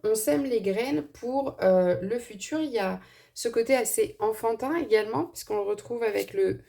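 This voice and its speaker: A woman's voice: fairly high pitch, normal speed, vocal fry, mellow. A woman with a slight lisp on her s sounds, giving an informal card reading and thinking aloud in a hesitant way. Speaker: tarot and angel card reader.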